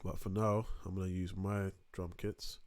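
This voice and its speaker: A man's voice: low voice, flat delivery, moderate pace, darkish tone, no echo. A young man giving a casual beat-making tutorial, rambling with lots of fillers and restarts, sometimes drifting off his desk mic. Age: young adult. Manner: rambling, filler-heavy, self-interrupting. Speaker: music production tutor. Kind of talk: casual screen-recorded tutorial. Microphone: desk microphone, sometimes turned away from.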